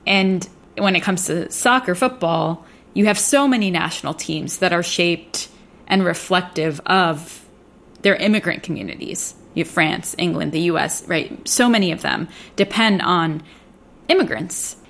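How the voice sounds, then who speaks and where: A woman hosting an interview, asking questions in a measured, inquisitive way. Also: on the low side, creaky, fairly bright tone. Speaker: host.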